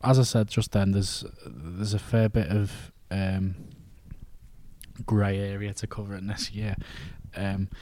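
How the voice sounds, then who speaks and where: A middle-aged British man with a fairly low voice co-hosts a casual film review podcast. He talks bluntly with plenty of swearing and banter. The sound is close and dry, with no room echo. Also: fairly even intonation, takes it slowly, mellow. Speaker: podcast co-host.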